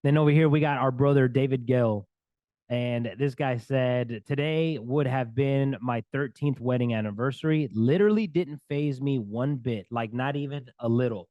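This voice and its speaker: A man's voice: mid-range voice, normal speed, no room sound, lo-fi sound. Earnest male divorce coach, dry sound. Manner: earnest, preachy, faith-filled encouragement. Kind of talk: energetic talk to camera.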